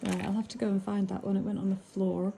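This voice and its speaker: Chatty northern English woman, gravelly voice. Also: medium pitch, little pitch movement, quick pace, noisy background. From England. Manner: chatty, musing aloud, fond of the items. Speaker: antiques seller. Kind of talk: casual narration while sorting antiques.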